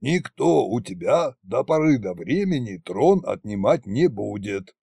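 Man voicing a sly gravelly old deathless king, slow and husky, audiobook. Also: medium pitch, sing-song, dark tone, no room sound, clean studio sound, heavily acted. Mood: mocking. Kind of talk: audiobook character voice.

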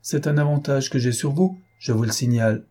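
A man's voice: mid-range voice, brisk, dark tone, slightly rough, voice pushed up, close to an everyday voice. Cloarec, a man reading as a stern brusque father. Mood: cooler, stern. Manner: curt, harsh questioning.

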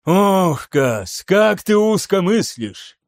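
An animated, theatrical scholar who presses his point with insistent flair, read by a man. The voice sits a little high and sounds close and dry, as in an audiobook reading. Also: normal speed, no room sound, lightly acted. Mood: exasperated, urgent. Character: excitable theatrical male scholar, lecturing.

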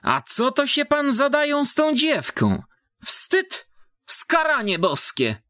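A shrill, pious old countrywoman, high and scandalized, gossiping and scolding in a storybook reading, as a male narrator puts her on. Her voice is dry and close. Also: huge pitch swings, slow, bright, forceful tone, dry recording, full character voice. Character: scolding old village woman.

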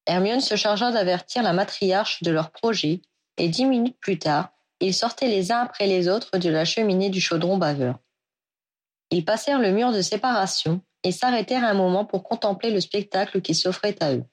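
A woman reads a story aloud at a steady pace. Her voice sits at a middle pitch. The telling stays even and clear. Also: moderate pace. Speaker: reader. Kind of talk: audiobook reading of fan fiction.

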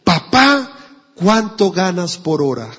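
A man's voice: slow pace, husky, heavily acted. A man voicing an eager, pleading little boy in a sermon story. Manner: high, pleading, excited. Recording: dull echoey church recording.

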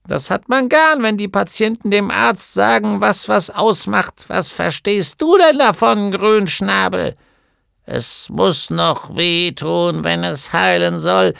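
A man's voice: high-pitched, slow, creaky, fairly bright tone, smooth, no room sound, studio quality, pitched above the performer's own voice, full character voice. A man voicing a bossy old female gnome healer in an audiobook, with a scolding, nagging manner. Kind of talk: audiobook character voice.

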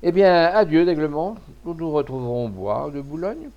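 A man's voice: on the high side, animated, normal speed, lo-fi sound, voice pushed up. A man reading as a worldly coquettish duchess. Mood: soothing. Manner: soft, affectionate, knowing.

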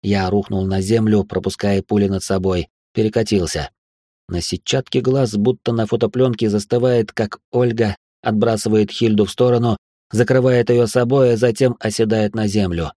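A man narrating an audiobook in the first person, with steady, measured reading. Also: lowish voice, no room sound, studio quality.

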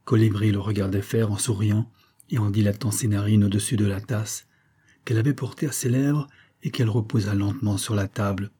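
Mellow, husky male storyteller. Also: on the low side. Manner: measured, even storytelling. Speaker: audiobook narrator. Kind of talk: scripted literary narration.

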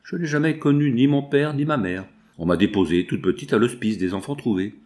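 Un homme lisant à voix haute et prêtant sa voix à une jeune couturière orpheline, douce et triste. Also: male voice, medium pitch, a little fast, darkish tone, lightly acted. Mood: doux.

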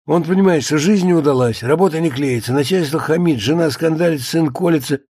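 A man's voice: a little high, a little fast, darkish tone, husky, no room sound, clean studio sound. A man doing a sardonic, mocking writer friend. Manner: sardonic, lecturing. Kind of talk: audiobook character voice.

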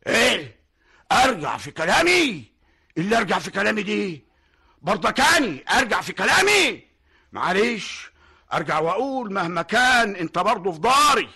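A blustering Egyptian hajj. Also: male voice, sits high, big pitch swings, creaky, husky, full character voice. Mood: offended blustering. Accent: Egyptian Arabic. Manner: loud, blustering, quick to take offence. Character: blustering older male hajj, proud touchy host. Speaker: radio drama actor. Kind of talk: 1960s Egyptian radio drama acting.

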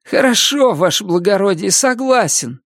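A man doing a high wailing begging convict. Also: lively intonation, normal speed, a bit bright, no echo, clean studio sound. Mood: pleading. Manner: pleading, wailing high-pitched. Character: pleading male convict, begging, humble.

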